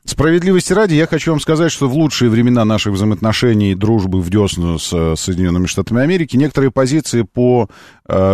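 Male talk-radio host: argumentative, emphatic, repetitive phrasing, highly animated pitch, dry studio sound. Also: no echo. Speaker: radio call-in show host. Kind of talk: live car talk radio, conversational monologue.

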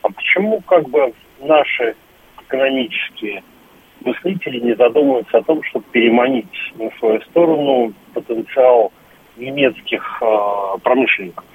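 A man's voice: mid-range voice, moderate pace, husky. A man from Moscow calling in to a radio show over a crackly phone line, asking his question politely and measuredly, with hesitant fillers. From Moscow, Russia. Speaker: caller. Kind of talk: call-in question to a radio host.

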